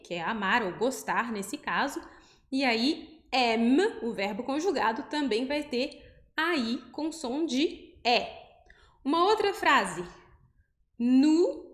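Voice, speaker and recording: A Brazilian woman teaching French pronunciation, explaining patiently step by step and saying each example word slowly. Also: fairly high pitch, reverberant. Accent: Brazilian Portuguese. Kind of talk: pronunciation lesson.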